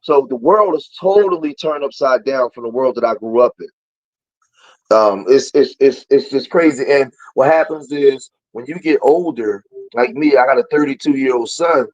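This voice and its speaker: A man in his forties talks over a phone line. His voice is husky and mid-pitched. He lectures with rising conviction. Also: normal speed. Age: 40s. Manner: preachy, grows heated and louder. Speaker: guest. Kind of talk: casual talk on a livestream.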